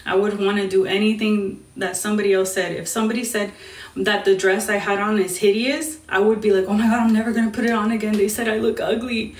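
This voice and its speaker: A woman's voice: medium pitch, little pitch movement, quick pace, recorded from a distance. A young woman from the Midwest chatting live with viewers, switching between English and Spanish mid-sentence. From Indiana, US Midwest. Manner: chatty, answers viewer questions. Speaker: TikTok live streamer. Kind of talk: casual live-stream chat. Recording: roomy sound from off-mic.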